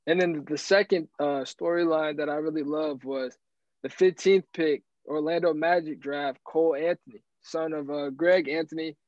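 A man talks as a guest analyst in casual sports chat, animated and rambling, often restarting his sentences. His voice sits fairly high. The recording is dry and dull, with a lo-fi sound. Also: moderate pace, no room sound.

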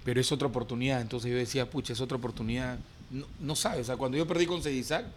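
A man's voice: mid-range voice, racing, slight background noise. Emotional Peruvian man recounting at length. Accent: Peruvian Spanish. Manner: emotional, rambling, many fillers. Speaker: racehorse owner guest. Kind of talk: casual studio chat.

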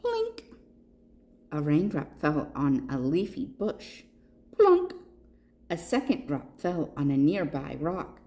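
A woman librarian reading a picture book aloud to children in an expressive way, pausing to ask her listeners questions. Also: low voice.

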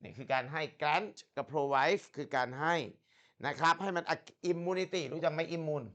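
A man tutoring English one-on-one, explaining in Thai and reading English slowly and carefully, with steady encouragement. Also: on the high side.

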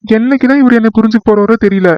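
A hot-tempered young village wife in a cartoon, voiced by a man, high-pitched and indignant. She accuses and argues without letting up. The recording is dry and a little dull. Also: rapid-fire, no echo, close to an everyday voice. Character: fiery young village wife, quick to quarrel.

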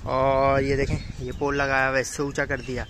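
A man's voice: medium pitch, completely flat delivery, normal speed, noisy background. A young man chatting casually while he walks through his outdoor animal farm and talks fondly to the animals, recorded on a phone held at arm's length. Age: young adult. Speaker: farm vlogger. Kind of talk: casual walk-through vlog. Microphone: phone camera held at arm's length.

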